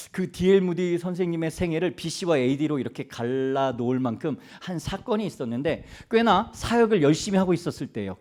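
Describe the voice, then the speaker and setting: A man's voice: on the high side, a little mellow. A man, a missionary preacher, telling a story in a conversational sermon with chatty asides to his listeners. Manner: chatty, many fillers and restarts, asides to the audience.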